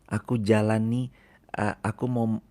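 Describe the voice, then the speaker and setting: A man's voice: fairly low pitch, little pitch movement, a little slow, dark tone, lightly acted. A man voicing a tender, reassuring divine voice addressing its servant, within a sermon.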